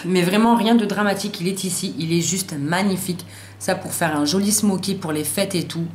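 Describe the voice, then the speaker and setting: A woman doing a casual makeup haul video, talking in slangy, excitable bursts and swearing freely as she tests colours and trips over English names. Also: on the low side, brisk. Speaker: beauty vlogger. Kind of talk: casual haul review with swatches. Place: sunny room at home. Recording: roomy echo, faint background hiss.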